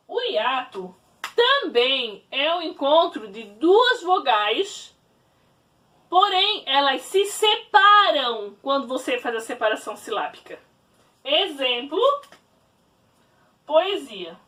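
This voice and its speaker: A woman teacher giving a grammar lesson, spelling words out slowly and patiently. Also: high voice, big pitch swings, pushed and bright, far from the mic. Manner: slow, spelled-out explaining.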